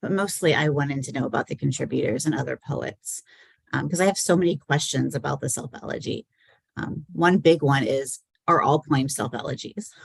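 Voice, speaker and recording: A woman poet and anthology editor, appearing as a guest at a poetry reading with conversational Q&A, answers questions about her work in an informal, musing, self-questioning way. Her voice is extremely low, creaky and husky, at a moderate pace with no room sound.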